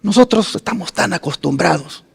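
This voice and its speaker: A man preaching a sermon as pastor, slow and dramatic, rising to loud emphasis and dropping to hushed phrases. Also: high voice, expressive, vocal fry, breathy edge, big-room sound.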